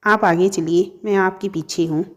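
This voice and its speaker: A woman voicing a gentle, polite young man who speaks softly and courteously in a storybook reading. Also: medium pitch, fairly even intonation, moderate pace, highs cut off, close to an everyday voice. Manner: soft-spoken, courteous.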